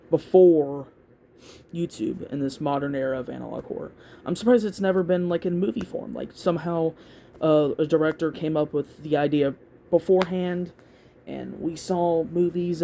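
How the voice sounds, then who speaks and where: A YouTube creator of unclear gender rambles casually through their opinions, thinking aloud, hesitating and repeating words. The voice is mid-range and mellow, with slight background noise.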